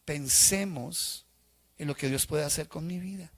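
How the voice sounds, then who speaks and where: A man's voice: fairly high pitch, unhurried. A male pastor preaching a sermon in a church, acting out the voices of people he quotes. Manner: animated, acts out congregants' voices in quotes.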